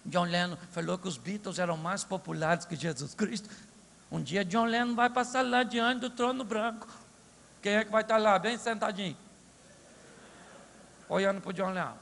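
A man preaching a sermon as pastor, comic and animated, asking the crowd rhetorical questions. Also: high voice, normal speed, gravelly, long pauses, in a large hall, a little hiss or hum. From Brazil.

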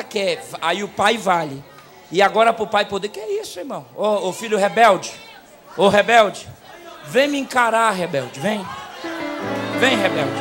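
A man with a Brazilian Portuguese accent preaching a sermon, telling stories in a low voice and then rising to loud shouts. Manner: storytelling, swings from quiet to shouting.

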